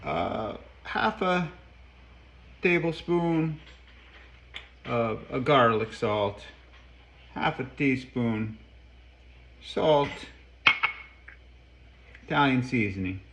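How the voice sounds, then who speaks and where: A man cooking at home in his kitchen, talking through a recipe in a chatty, halting way with playful mock-Italian phrasing. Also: medium pitch, animated, creaky, fairly bright tone, reverberant. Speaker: home cook. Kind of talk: casual cooking demonstration.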